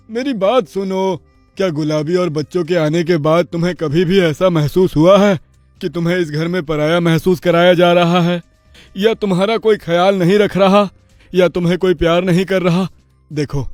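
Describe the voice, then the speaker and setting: A calm, fatherly bull in a cartoon tale, played by a man. He reasons gently and persuasively, in a slightly raised voice recorded close and dry. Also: on the high side, moderate pace, no echo, soft background music, natural voice. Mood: patient.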